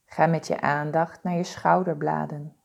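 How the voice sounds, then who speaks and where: A woman leading a guided body-scan meditation, giving calm, soothing, deliberate instructions with pauses. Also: sits low, vocal fry.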